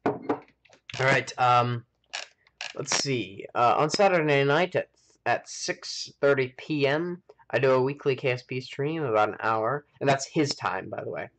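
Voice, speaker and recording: Against a noisy background, an American man hosts a game live stream, chatting casually and rambling as he thinks through things. He has an expressive mid-range voice and a measured pace.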